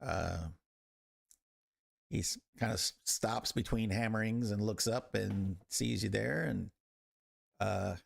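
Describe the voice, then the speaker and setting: A man narrating as game master of a tabletop game, halting and sleepy, with many pauses. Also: on the low side, gravelly, no room sound, clean studio sound. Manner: halting, full of ums and uhs.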